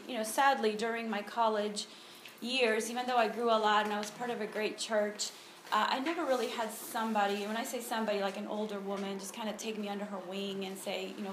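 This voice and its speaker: A woman's voice: medium pitch, steady tone, fairly quick, hardly any pauses. A woman from Honduras in her thirties giving a casual personal testimony at a church meeting, talking with many ums and restarts, recorded on a phone. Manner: conversational, frequent ums and restarts. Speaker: speaker at a church ministry meeting. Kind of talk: personal testimony talk with prayer. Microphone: phone recording on a table. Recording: echoey room with noticeable background noise.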